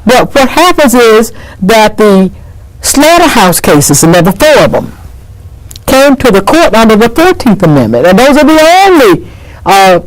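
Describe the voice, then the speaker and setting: A woman's voice: fairly high pitch, big pitch swings, moderate pace, rough recording. Emphatic woman teaching history in conversation. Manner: emphatic, repeats phrases for stress. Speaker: interview guest explaining history. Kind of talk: impassioned conversational history lecture.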